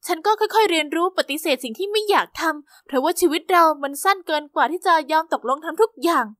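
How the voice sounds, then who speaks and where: A woman giving lively, expressive first-person scripted narration for an animated story. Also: very high-pitched, fast talker, dry recording, studio quality.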